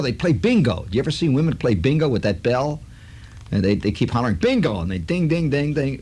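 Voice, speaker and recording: A radio host from Chicago spins a rambling childhood yarn, wry and full of asides. His voice is husky and rough-edged, and his delivery swoops up and down in lively pitch. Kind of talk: storytelling monologue.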